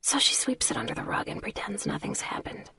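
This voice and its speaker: A woman voicing a troubled, withdrawn young woman who speaks in a hushed, wavering whisper. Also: a little high, a little fast, a little hiss or hum, pitched above the performer's own voice, lightly acted. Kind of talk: audiobook character voice.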